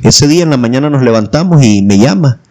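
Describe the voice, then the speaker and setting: A man from El Salvador with a Salvadoran accent, telling a personal faith testimony as a guest, lively and acting out the voices he quotes. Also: mid-range voice, fast talker. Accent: Salvadoran Spanish.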